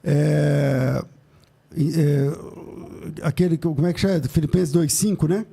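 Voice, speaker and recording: A Brazilian man hosting and moderating a live religious debate as a pastor, questioning in a halting, insistent way. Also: fairly high pitch, creaky, dark tone. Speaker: host pastor.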